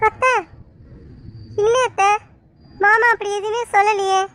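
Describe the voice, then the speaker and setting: Brief: timid cartoon bride, voiced by a woman, very high and bright, polite and pleading. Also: steady tone, unhurried, slight background noise. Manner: polite, pleading, explains softly. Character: meek young newlywed daughter-in-law. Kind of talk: cartoon dub acting.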